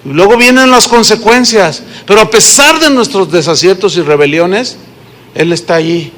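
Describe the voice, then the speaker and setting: This pastor, who has a Mexican accent, speaks at normal speed in a high-pitched, fairly bright tone. He tells stories and asks his congregation questions during the sermon, with long hall reverb in the recording.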